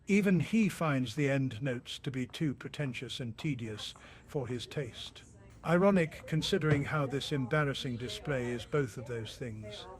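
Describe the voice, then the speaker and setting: A man narrating a mock documentary in a measured, deadpan, formal manner, as if observing wildlife. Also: mid-range voice.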